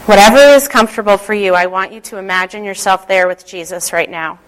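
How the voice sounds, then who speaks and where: A woman speaking as a church leader, giving a devotional talk and guided prayer in a gentle, unhurried, instructive way. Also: mid-range voice, poor audio.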